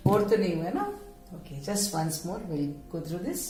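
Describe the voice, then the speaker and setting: A woman with an Indian accent teaching an English pronunciation lesson to children, repeating words slowly and carefully and switching between Hindi and English. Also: lowish voice, big pitch swings, a little mellow, reverberant, low-quality recording.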